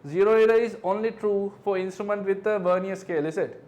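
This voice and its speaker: A physics tutor with a light, high-pitched voice reviews exam questions aloud, walking through every figure one step at a time. He often tosses in quick tag questions to make sure his class is keeping up.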